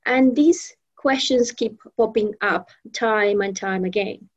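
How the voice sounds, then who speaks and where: A Venezuelan woman whose first language is Spanish, a professional trainer and mentor, is interviewed as a guest, using many fillers and restarts. Her medium-pitched voice goes slowly, and the sound is lo-fi.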